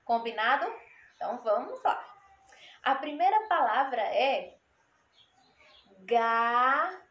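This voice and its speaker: A woman's voice: sits high, big pitch swings, measured pace. A woman teacher giving a spelling lesson to children, saying each word twice and explaining it patiently. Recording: echoey room.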